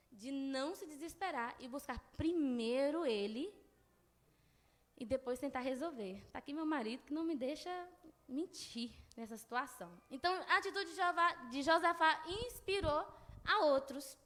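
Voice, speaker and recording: High-voiced woman preaching in a hall. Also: moderate pace, a bit bright. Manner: conversational, questions to the congregation. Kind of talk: sermon. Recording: long hall reverb.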